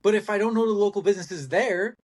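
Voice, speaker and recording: A middle-aged man co-hosting a casual business talk show. His voice sits a little high for a man, and he rambles in an animated way, laughing often. He talks bluntly and throws in the odd swear word. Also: fast talker. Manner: blunt, salty language. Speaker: podcast co-host.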